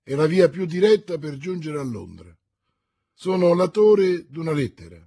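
A man's voice: on the high side, expressive, normal speed, mellow, husky, voice pushed up. A man voicing a bold young male musketeer who gives firm, decisive orders. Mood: resolute. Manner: decisive, commanding.

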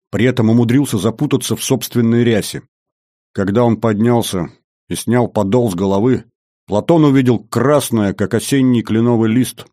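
A man narrating an adventure audiobook in an even storytelling manner. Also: on the low side, no room sound, clean studio sound.

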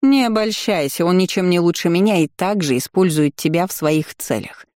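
A woman's voice: on the low side, sing-song, unhurried, warm tone, no room sound, clean studio sound, heavily acted. A woman voicing a spiteful, scheming female spider spirit who hisses venomously, in an audiobook. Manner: hissing, venomous.

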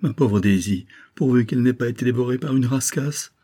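A man voicing an anxious, excitable comic detective who talks in theatrical exclamations. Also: mid-range voice, fairly quick, pitched above the performer's own voice, natural voice. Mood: fretful.

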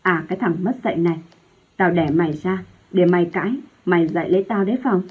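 A woman voicing a sharp-tongued, domineering older mother who scolds loudly and harshly, in a husky voice. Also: on the low side, fast. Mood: scolding. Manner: loud scolding, harsh and contemptuous. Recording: tinny phone-like lo-fi sound.

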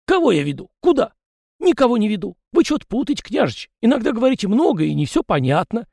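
A man's voice: extremely high pitch, sing-song, quick pace, creaky, a little mellow, no room sound, studio quality, pitched above the performer's own voice, exaggerated voice. A man voicing a fussy, garrulous male household spirit who talks in rustic folksy speech. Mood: flustered.

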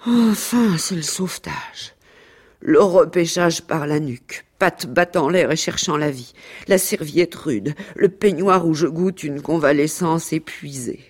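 A woman's voice: low voice, husky, voice pushed up. Toby-Chien, a woman reading as a meek little dog. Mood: dramatic. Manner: slow, lilting literary reading. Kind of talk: archival radio reading of a dialogue between animals.

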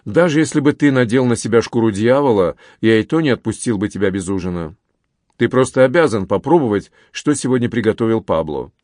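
A man voicing a kindly, excitable older male lawyer who mutters and exclaims, in an audiobook reading. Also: fairly low pitch, brisk, no echo, clean studio sound, natural voice. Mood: hospitable.

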